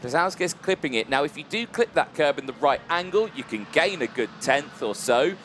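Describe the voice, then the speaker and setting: A man's voice: on the high side, animated, normal speed, fairly bright tone, a little hiss or hum. A man commentating live on motor racing from a trackside box in a conversational way.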